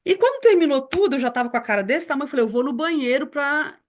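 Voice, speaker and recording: Missionary woman in her forties teaching a church lesson, earnest personal testimony, slightly high voice. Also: animated, fast talker. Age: 40s. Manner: earnest, storytelling, addresses listeners as beloved.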